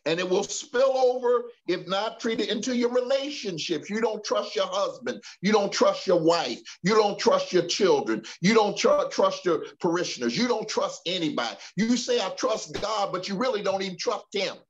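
A man with a high-pitched voice teaches a Bible study in a preacherly way, often restarting and repeating words and calling out to the room. The recording is dull and lo-fi. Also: expressive, normal speed, hardly any pauses. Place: church.

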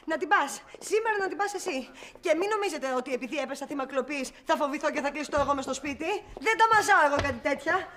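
An actress playing a scatterbrained, chatty nanny in a sitcom, talking in a theatrical, rambling way. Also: female voice, sits high, expressive, fairly bright tone, slight background noise. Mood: lively. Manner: theatrical, rambling, mock-dramatic. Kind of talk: sitcom acting.

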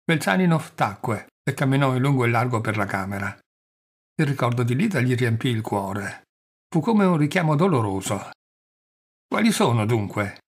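Husky male audiobook narrator. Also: mid-range voice. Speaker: audiobook reader.

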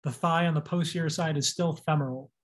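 A man's voice: a little high, steady tone, fairly quick. A man giving a recorded anatomy lecture over slides, spelling out and repeating terms and stressing how to pronounce them.

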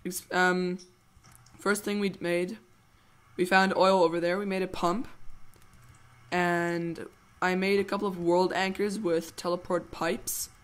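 A man's voice: high-pitched, little pitch movement, unhurried, a bit bright, smooth. Rambling teen boy narrating gameplay. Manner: rambling, playful, goofy jokes. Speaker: let's play host. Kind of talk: casual gameplay commentary.

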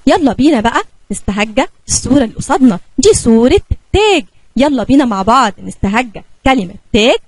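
A woman with an Egyptian Arabic accent teaching a kindergarten spelling lesson, slowly drawing out letter sounds for young children. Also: fairly high pitch, big pitch swings, dry recording.

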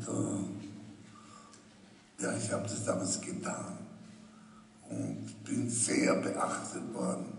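An older man from Vienna with a breathy, rough voice, talking slowly and thoughtfully on stage in a large exhibition hall. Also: medium pitch, a little mellow, a little hiss or hum. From Vienna, Austria. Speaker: artist being interviewed. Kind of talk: slow, reflective conversation on stage. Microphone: headset mic. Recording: roomy hall sound from a distant camera.

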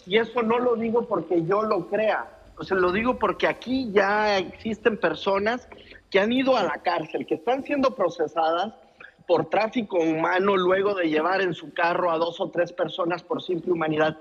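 Man field reporter, husky voice, slightly high, dull phone-line sound, narrative with restarts. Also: moderate pace.

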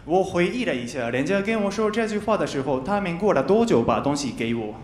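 A man's voice: a little high, expressive, fast talker. A man in his twenties from Japan, a native Japanese speaker, doing stand-up with a Japanese accent and careful learner's phrasing on a handheld mic. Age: 20s. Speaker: stand-up comedian. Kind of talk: stand-up comedy monologue. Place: large TV studio stage with live audience. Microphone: handheld microphone. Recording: roomy stage sound with audience noise.

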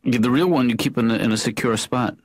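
This is a gentle, hesitant therapist in an animated sitcom, voiced by a man. His voice sits in a middle range, and his talk is soft and unhurried. The sound is close and dry. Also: mid-range voice, dry recording, close to an everyday voice. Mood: mild. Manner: soft-spoken, mild, hesitant. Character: Dr. Katz, mild-mannered male therapist.

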